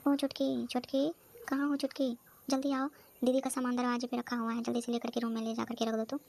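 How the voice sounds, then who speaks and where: A fretful young cartoon housewife, voiced by a woman, rushing through her chores in a raised, fairly flat voice. She talks in quick, worried chatter, with faint background noise. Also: a little high, creaky. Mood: placating. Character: anxious hardworking young elder sister-in-law, housewife. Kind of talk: cartoon voice acting.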